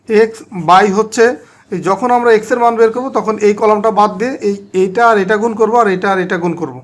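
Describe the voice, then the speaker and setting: A man teaching a math lesson step by step, speaking directly to his students in Bangladeshi Bengali. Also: high-pitched.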